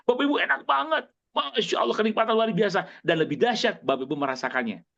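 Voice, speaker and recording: A man's voice: fast talker, vocal fry, fairly bright tone. Fervent male preacher, dull lo-fi sound. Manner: emphatic, repetitive, swings between high exclamations and low earnest stretches. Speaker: Islamic preacher. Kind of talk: motivational religious talk to an audience. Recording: dull lo-fi recording.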